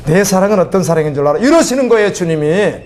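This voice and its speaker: A man's voice: high-pitched, animated, fast, darkish tone. A man preaching a sermon as a pastor, emotional and pleading, his voice rising into fervent cries.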